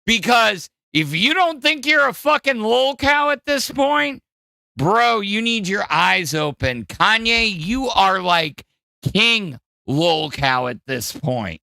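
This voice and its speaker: A man hosting a podcast in casual, profane commentary, animated and jumping between loud outbursts and mumbles. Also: high voice, slow pace, creaky, no echo. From Wisconsin. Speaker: podcast host. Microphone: studio mic in front of green screen.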